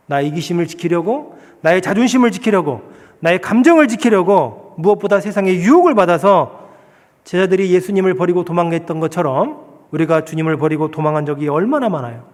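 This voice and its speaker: A male pastor preaching a sermon, asking rhetorical questions and reading scripture slowly and with emphasis. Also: on the high side. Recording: long hall reverb.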